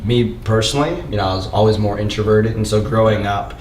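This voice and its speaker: A man in his thirties talks loosely through his story with a low voice, leaning on "you know" as he goes. The sound is roomy and picked up from a few feet away. A faint hiss sits underneath. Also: fast, distant mic. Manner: relaxed, frequent "you know" fillers, gestures while talking. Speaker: podcast guest, business owner. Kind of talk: casual interview conversation. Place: indoor room by a window. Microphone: far camera mic.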